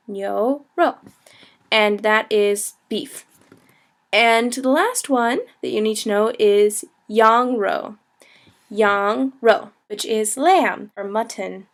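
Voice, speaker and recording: Young woman, casual video lesson, chatty, laughing, fairly high voice. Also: vocal fry. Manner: chatty, laughing, with many ums and likes. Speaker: language teacher and travel blogger.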